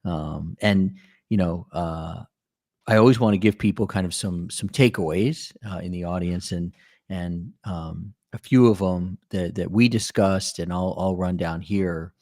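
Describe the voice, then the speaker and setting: A man's voice: deep voice, a little slow, a little mellow, no echo, studio quality. A male podcast host from the Maryland area, chatting casually and joking, with lots of fillers. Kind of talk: casual interview talk.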